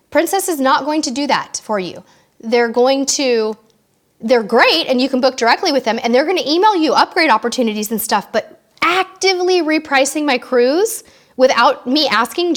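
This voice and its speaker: A woman's voice: high voice, fairly bright tone. A woman in her forties hosting a live cruise Q&A, chatting casually and reading out viewer comments in a bubbly way. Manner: bubbly and chatty, quick asides.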